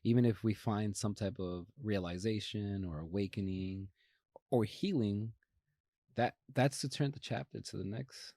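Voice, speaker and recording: Host, man, lowish voice, supportive, short backchannels and follow-ups; dry, close mic. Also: unhurried, vocal fry, dark tone, no echo. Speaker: podcast host. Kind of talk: casual interview.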